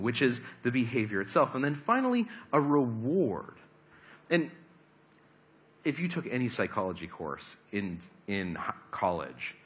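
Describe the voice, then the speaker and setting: A man giving a lively talk to a live audience, asking them questions as he explains his points. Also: on the low side. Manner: animated, asks the audience questions. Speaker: speaker giving a talk on habits.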